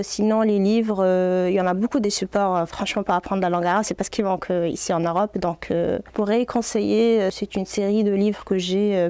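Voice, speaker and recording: In a dry recording, a woman with a mid-range voice, a Moroccan Arabic speaker in her thirties, handles interview questions as an Arabic teacher. She sounds gentle, measured, and earnest.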